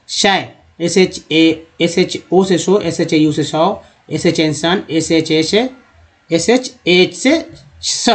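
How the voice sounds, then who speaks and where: A man teaching spelling in English letters, drilling syllables one by one and checking in with viewers. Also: a little high. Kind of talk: spoken alphabet lesson.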